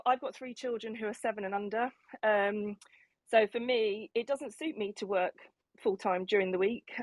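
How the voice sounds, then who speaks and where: A woman's voice: medium pitch, no room sound. A woman, a salon owner chatting casually, slightly out of breath, with many ums and restarts. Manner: rambling, lots of ums and restarts. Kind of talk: casual chat on an audio room.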